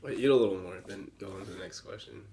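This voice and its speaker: A man's voice: deep voice, quick pace, mellow. A man joining a friend's vlog at a meal, teasing him and laughing often. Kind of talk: casual teasing chat. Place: indoors at a meal. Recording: echoey room, faint noise.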